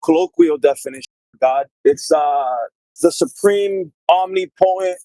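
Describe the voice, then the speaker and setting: A man from Puerto Rico argues on a debate call with a teasing, mocking edge. His voice is a little high, and the recording is dry with no room echo. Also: unhurried, dark tone. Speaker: debate participant. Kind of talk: heated online debate.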